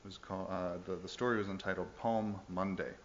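A man's voice: deep voice, fairly even intonation, fast talker, muffled recording, slight background noise. A man preaching a sermon in an earnest, emphatic way, pressing the listeners with questions. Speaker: pastor.

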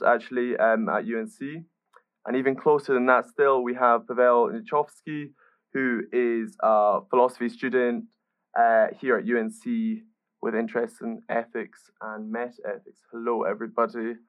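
A man's voice: mid-range voice, clean tone. Guy hosting a podcast panel, friendly, kinda muffled lo-fi audio. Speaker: podcast host. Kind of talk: casual panel discussion.

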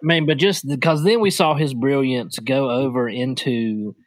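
A man's voice: mid-range voice, unhurried, no room sound. A man co-hosting a podcast in a casual movie chat, talking in run-on thoughts and laughing easily. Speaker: podcast co-host.

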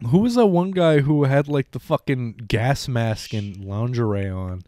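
A man's voice: mid-range voice, measured pace, warm tone, no echo, clean studio sound. A young man co-hosting a podcast, rambling in casual banter with lots of fillers. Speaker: podcast co-host.

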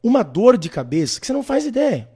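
A man from Brazil giving blunt, animated opinions straight to the listener, often mimicking the people he quotes. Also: very high voice, quick pace, husky. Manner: animated, blunt, addresses the listener as "colega" and "meu filho"; acts out quoted people in mocking voices. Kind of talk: opinionated talk to camera.

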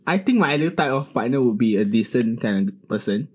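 A man's voice: medium pitch, expressive, brisk, husky. A man with a Singaporean accent chatting casually, phrasing his thoughts hesitantly and mixing in words from another language. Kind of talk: casual group chat.

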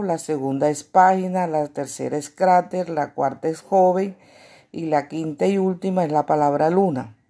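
A woman teacher giving a grammar lesson to children, explaining slowly and asking herself questions. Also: low-pitched, gravelly, warm tone. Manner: slow, deliberate explaining with rhetorical questions.

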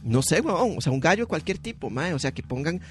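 A young Costa Rican man riffs casually on a podcast, his delivery dry and full of slang filler words. His voice sits a little high and moves around a lot in pitch. Soft music plays faintly behind him. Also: fairly quick. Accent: Costa Rican Spanish. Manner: deadpan absurd riffing, heavy use of slang filler 'mae'. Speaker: podcast co-host. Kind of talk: casual comedic chat.

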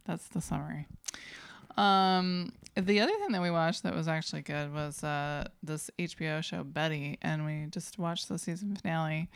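A woman's voice: low voice, normal speed, clear, resonant tone, dry recording. A woman in her forties co-hosting a podcast, chatty, laughing easily and groping for words. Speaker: podcast co-host. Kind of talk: casual chat.

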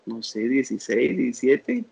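A young man with a Colombian accent, a guest in an interview, telling his life story in an animated way and acting out the voices of people he quotes. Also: mid-range voice, a little slow, vocal fry, husky.

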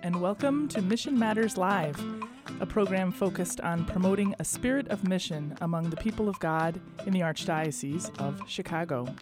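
A woman hosting a radio program in a studio, giving a gentle, gracious introduction and interviewing her guest. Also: on the low side. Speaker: radio host.

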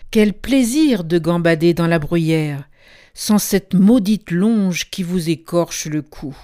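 A woman voicing a headstrong young female goat in a storybook reading, soft and pleading but stubbornly polite. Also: lowish voice, expressive, slow. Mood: dreamy.

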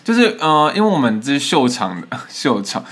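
A young man co-hosting a podcast, chatting casually with quick teasing remarks. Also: medium pitch, sing-song, fairly bright tone, husky. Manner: quick-talking, teasing, reacts with laughs. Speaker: podcast co-host, stage performer. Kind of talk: casual chat.

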